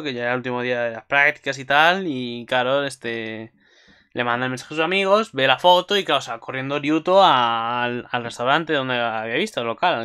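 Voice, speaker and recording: Casual anime recap host, a man, bright and forceful voice, profane and rambling. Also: mid-range voice, clear, resonant tone. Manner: rambling, swears freely, with asides to viewers.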